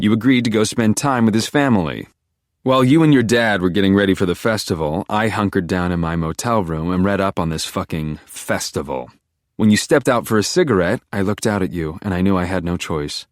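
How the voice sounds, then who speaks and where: A man with a very low, deep voice reads a first-person audiobook. His delivery is intense and brooding, like a private monologue. The recording is close and completely dry. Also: fairly quick, dry recording. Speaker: audiobook narrator.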